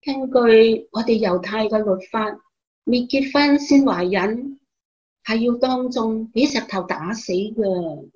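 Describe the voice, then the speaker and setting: Woman acting slow-spoken, devout Mary, mother of Jesus. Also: on the high side, muffled recording. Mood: solemn, trusting. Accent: Hong Kong Cantonese. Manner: measured, expressive storytelling. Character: calm, devout mother telling of her youth. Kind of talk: Bible story radio drama.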